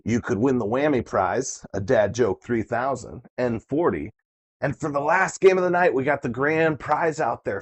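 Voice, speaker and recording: A man with a medium-pitched voice hosts a live online bingo night as the caller, reading each number twice. He's playful and excitable, full of showmanship, and chats casually with the players between calls.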